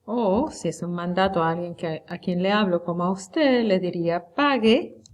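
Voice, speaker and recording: A woman teaching Spanish, reviewing a unit for an exam. She speaks slowly and deliberately and draws out the example words. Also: lowish voice. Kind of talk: recorded lecture review.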